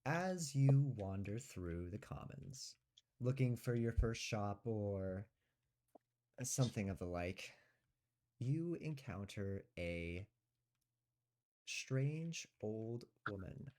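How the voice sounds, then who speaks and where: A man's voice: on the low side, lively intonation, slow, long pauses, darkish tone. A man acting as game master, narrating and guiding players through a tabletop game session.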